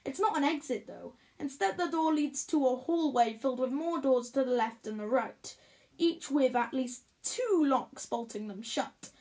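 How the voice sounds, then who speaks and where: A woman narrating a first-person story in a measured, expressive reading. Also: high-pitched. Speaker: audiobook reader.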